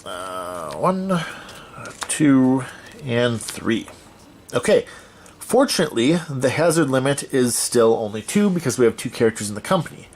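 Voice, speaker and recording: A man's voice: medium pitch, sing-song, a little slow, darkish tone, slight background noise. A man hosting a let's-play of a solo card game, thinking aloud as he reads out card text and corrects himself as he goes.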